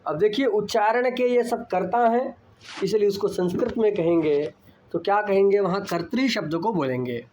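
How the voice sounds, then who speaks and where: A man lecturing on Sanskrit grammar, explaining terms deliberately and repeating key points for his students. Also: high voice, darkish tone, slight background noise.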